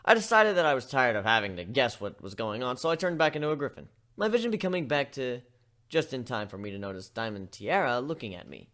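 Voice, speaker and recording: A man gives an amateur dramatic reading of a first-person story, moving expressively between narration and character voices. He reads fast in a mid-range voice.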